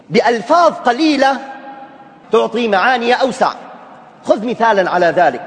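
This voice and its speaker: A man preaching a sermon, emphatic and now and then rising to loud declamation. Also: very high voice. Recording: long hall reverb.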